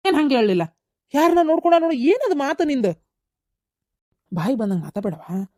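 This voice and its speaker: A woman doing a reproachful young village woman, North Karnataka accent, rapid talk, mellow tone. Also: medium pitch, no echo, clean studio sound, natural voice. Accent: North Karnataka Kannada. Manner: reproachful, firm. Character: level-headed young woman scolding her mother. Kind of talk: cartoon voice acting.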